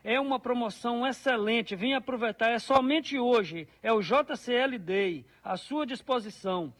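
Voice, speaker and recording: A man, a store salesman listing offers to customers in a repetitive live radio pitch. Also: normal speed, a bit bright.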